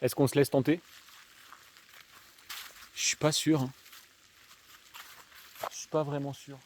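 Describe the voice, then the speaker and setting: A man's voice: mid-range voice, flat delivery, slow pace, darkish tone. A young man with an Alsatian accent, chatting slangily to viewers while out on a countryside walk. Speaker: vlogger; schoolteacher. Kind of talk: casual rambling monologue while walking. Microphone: handheld camera. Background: faint outdoor noise, rain.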